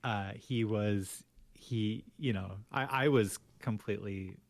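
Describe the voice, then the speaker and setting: A middle-aged man with a fairly low voice rambles through stories on a podcast, stopping and restarting his sentences and laughing as he goes. The sound is dry and close, with no room around it. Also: slow pace, dry recording. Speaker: podcast co-host. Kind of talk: casual chat.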